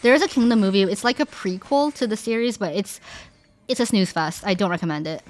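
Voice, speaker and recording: A young woman streaming, chatting casually with viewers in an animated way, filling her talk with "like" and restarting her sentences. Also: medium pitch, brisk, slight background noise. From Canada.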